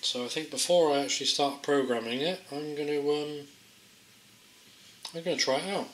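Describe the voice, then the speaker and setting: A man with a slightly high voice speaks at a normal speed with fairly even intonation. He's an amateur product tester casually showing off a gadget, thinking aloud in a hesitant, understated, unscripted way. The recording has a roomy echo, faint background noise and clicks.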